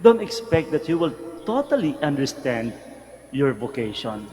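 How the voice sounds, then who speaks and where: A man with a Filipino accent, a priest reading the gospel and preaching a slow, earnest homily at Mass in a large church with a church hall echo. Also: medium pitch, big pitch swings, warm tone. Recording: long reverb of a large church.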